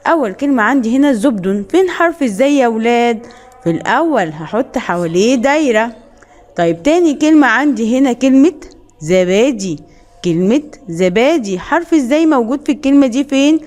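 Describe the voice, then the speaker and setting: An Egyptian woman teaching kindergarten children the letters, drawing out each sound and word slowly. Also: high voice, animated, darkish tone. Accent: Egyptian Arabic. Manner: slow, drawn-out sounding of letters and words. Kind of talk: children's phonics lesson.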